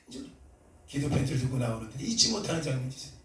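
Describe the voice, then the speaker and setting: A male pastor preaching a sermon, telling a story and acting out prayers and dialogue, sometimes rising to loud, fervent cries. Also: mid-range voice, sing-song, rapid-fire. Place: church sanctuary. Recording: echoey church hall, mic at a distance.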